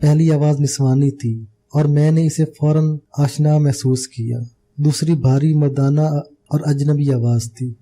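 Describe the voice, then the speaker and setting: A man with a very dark, mellow voice reads a novel aloud for an audiobook. He narrates steadily, with a measured storyteller's delivery. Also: fairly high pitch. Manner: steady storytelling, voicing all the characters.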